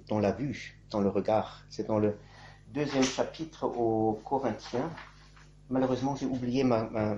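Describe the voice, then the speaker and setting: A priest-monk, a native German speaker, giving a spoken catechesis in a halting way, searching for words and tagging phrases with "hein". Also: male voice, medium pitch, dark tone, highs cut off, a little hiss or hum.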